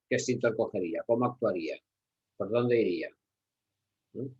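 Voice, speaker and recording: A man's voice: on the low side, husky, lo-fi sound. A middle-aged man from Spain with a Spanish accent, lecturing at a workshop for security staff, repeating key words and asking rhetorical questions. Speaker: security trainer.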